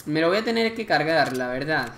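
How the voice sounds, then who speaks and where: A man's voice: fairly high pitch, fairly quick. Guy from spain rambling over his gameplay, slangy and hyped, roomy echo, game noise behind. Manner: chatty, excitable, slangy. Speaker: gameplay commentator. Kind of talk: casual gameplay commentary.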